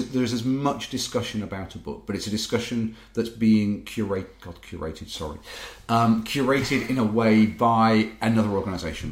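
A man in a casual discussion, talking in long rambling sentences and correcting himself as he goes. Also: on the low side. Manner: rambling, self-correcting, talks fast. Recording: echoey room.

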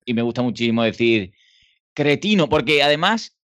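A man on a chat podcast, telling stories slowly with dry wit. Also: mid-range voice, expressive, a bit bright, no echo. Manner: unhurried storyteller, dry wit. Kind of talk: casual chat. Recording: dry close sound.

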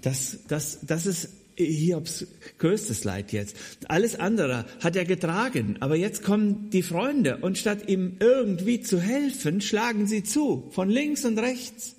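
A man teaching on a Bible passage in a conversational style, speaking straight to his listeners with wry asides, his voice rising for emphasis and dropping low and quiet at times. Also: big pitch swings, unhurried. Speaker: preacher.

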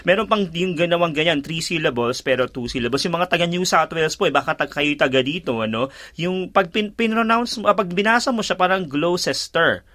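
A man's voice: on the high side, brisk, pushed and bright. A man hosting a casual radio chat, talkative and laughing often, trailing off with fillers. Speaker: radio host.

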